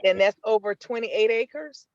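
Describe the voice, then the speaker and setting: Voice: medium pitch, measured pace, dry recording, dull audio. A community member asking pointed questions at a neighborhood meeting over a call connection that keeps breaking up. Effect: patchy call connection that breaks up.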